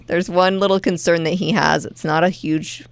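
A woman co-hosting a morning radio show, chiming in with quick, bubbly agreement. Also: fairly low pitch, steady tone, gravelly, no echo. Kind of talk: casual morning radio banter. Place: radio studio.

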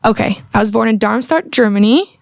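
A woman in her twenties from California, a dietitian guest talking in a friendly, relaxed way on a podcast. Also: fairly high pitch, fairly quick, creaky, dry recording, clean studio sound. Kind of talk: podcast interview.

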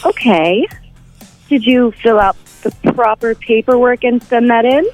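A woman's voice: a little high, unhurried, a little mellow, soft background music, poor audio. A woman answering the phone as a receptionist, polite but puzzled and hesitant.

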